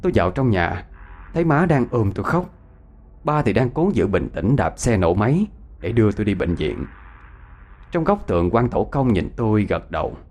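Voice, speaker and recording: A man narrating a ghost story expressively. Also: moderate pace. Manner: expressive, varied pitch.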